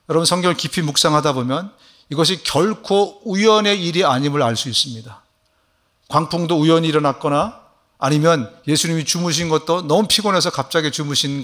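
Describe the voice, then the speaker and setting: A male pastor delivers a sermon in a church, his voice sitting a little high. He preaches emphatically, putting questions to the congregation and slowing down to voice Jesus' words. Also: fairly bright tone. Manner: asks the congregation questions, affirming 'ye'. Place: church sanctuary.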